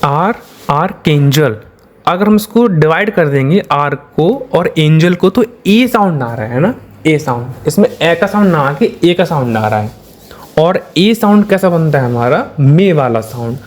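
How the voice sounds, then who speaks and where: A man's voice: a little high, expressive, normal speed. Indian man teaching step by step. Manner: explains step by step, asks and answers his own questions. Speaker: shorthand teacher. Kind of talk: classroom-style lesson.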